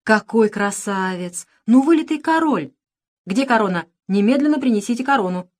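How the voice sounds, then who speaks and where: Woman voicing a pirate queen, raised pitch, loud and bossy, storybook villainess, animated delivery. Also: normal speed. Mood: fawning. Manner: bossy, sharp, feigning sweetness. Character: scheming, imperious female pirate queen. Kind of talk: audiobook character reading.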